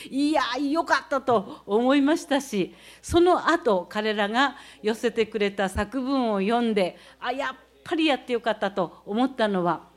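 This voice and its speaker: A woman from the Tohoku region gives a talk, explaining practical techniques one step at a time as she demonstrates. Her voice sits a little high for a woman, and her delivery stays explanatory and methodical. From Tohoku, Japan. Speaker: speaker recounting leading a student climb.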